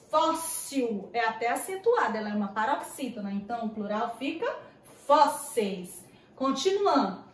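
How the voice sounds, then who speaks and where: Woman, patient classroom teacher, high bright register, a bit far from the mic. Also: reverberant. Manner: patient, explains step by step with questions; voices imagined student questions. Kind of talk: classroom video lesson.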